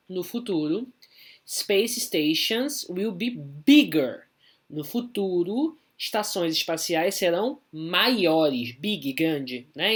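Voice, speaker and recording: A man with a Brazilian Portuguese accent giving a recorded English lesson as a school teacher. He explains briskly, checks in with "tá?", and reads the English example sentences slowly and with emphasis. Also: high-pitched, fairly bright tone.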